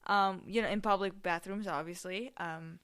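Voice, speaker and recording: A woman's voice: medium pitch, steady tone, normal speed, a bit bright, clear, resonant tone. A young adult woman hosting a podcast, telling stories casually in a rambling, informal way and often correcting herself. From Spain, with family in Mexico. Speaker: podcast host. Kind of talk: casual solo storytelling.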